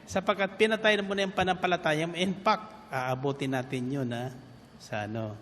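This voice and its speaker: Animated preacher man in a reverberant hall. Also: a little high, moderate pace, a little hiss or hum. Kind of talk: sermon.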